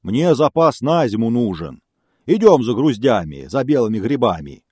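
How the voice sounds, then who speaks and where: A man doing a booming, clumsy bear. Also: sing-song, a little mellow, dry recording, studio quality. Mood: eager. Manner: booming and slow, gruff. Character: big clumsy greedy male bear.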